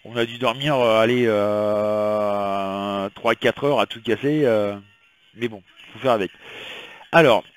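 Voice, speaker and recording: A man's voice: fairly low pitch, fairly even intonation, slow, clean tone. A man from France reading tarot in a casual weekly prediction vlog, chatting and rambling with many fillers while fighting a slight cold. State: has a slight cold, coughing. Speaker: tarot reader.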